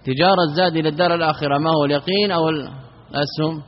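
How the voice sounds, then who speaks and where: A man's voice: on the high side, steady tone, very fast. A man teaching classical Arabic grammar, repeating key terms and asking and answering his own questions. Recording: dull recording in a reverberant hall.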